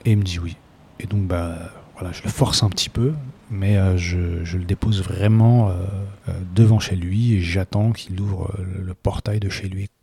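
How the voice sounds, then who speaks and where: A man's voice: sits low, steady tone, moderate pace, vocal fry, noisy background. A man who drives a taxi, casually telling stories from his rides and acting out the dialogue. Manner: retells events acting out the dialogue. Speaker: Parisian taxi driver and podcast host. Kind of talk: casual storytelling.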